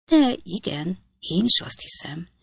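A woman reading an audiobook voices a gallant, ingratiating gentleman who flatters the ladies. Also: fairly low pitch, gravelly, husky, no room sound, studio quality, exaggerated voice. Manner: ingratiating, courteous. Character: gallant middle-aged gentleman, smooth flatterer.

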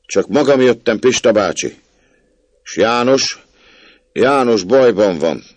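A man reading a story aloud, voicing an earnest, hurried young man answering his uncle. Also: medium pitch, expressive, dry recording, voice pushed up, natural voice. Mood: eager.

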